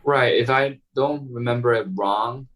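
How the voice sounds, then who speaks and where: A young Taiwanese man, a guest violinist, answers interview questions casually and hesitantly, full of fillers and restarts. His mid-range voice is unhurried and fairly bright, heard from a distance with slight background noise.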